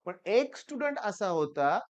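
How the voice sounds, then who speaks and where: In this exam-prep teaching talk, a middle-aged man, a tutor, presses his students emphatically and recounts anecdotes from class. He has a high-pitched, sing-song voice and talks a little slowly.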